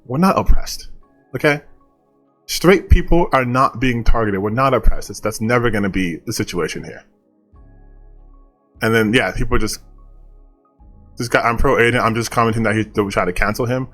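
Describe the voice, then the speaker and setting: A man's voice: medium pitch, moderate pace, pauses often, a bit bright, soft background music. A male online commentator talking casually and bluntly, dismissive and opinionated, with some casual swearing.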